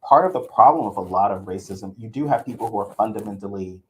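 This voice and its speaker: Low-voiced man, earnest and argumentative. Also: fast, a little hiss or hum, poor audio. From American South. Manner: earnest, argumentative, frequent restarts. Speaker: co-host. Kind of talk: casual podcast chat.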